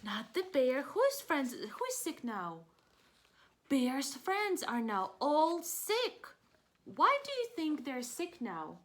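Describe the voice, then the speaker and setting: Taking her time in a high-pitched voice, a woman reads a storybook to children the way a preschool teacher would. She's expressive and keeps her words simple, posing questions and answering them herself.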